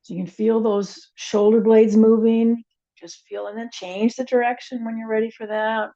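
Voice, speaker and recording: A woman teaching a chair yoga and meditation class, giving gentle, unhurried cues with soft asides. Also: on the high side, level tone, dull audio. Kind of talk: guided yoga class instruction.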